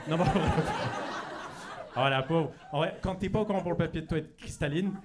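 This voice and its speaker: Over heavy noise, a young comedian works a club crowd at a moderate pace in a slightly high voice. His set is loose and conversational, full of fillers and restarts, with goofy character voices thrown in and laughter from the audience.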